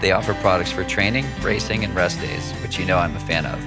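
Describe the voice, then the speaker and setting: Gravelly low-voiced male podcast host. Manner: measured, reads ad copy evenly. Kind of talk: scripted podcast intro and ad reads. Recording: music bed underneath.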